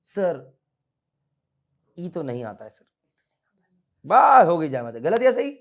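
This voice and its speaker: A man's voice: on the high side, very animated, takes it slowly. A man in his thirties coaching students for interviews, blunt and scolding, switching between Hindi and English. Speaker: merchant navy interview coach. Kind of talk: coaching talk to camera. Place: room with students standing behind.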